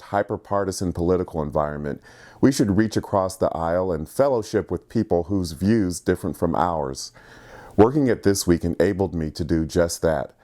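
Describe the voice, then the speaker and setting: A man from Columbus, Ohio, a journalist, narrating a scripted personal story in a measured, reflective way. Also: sits low, mellow. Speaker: journalist and filmmaker.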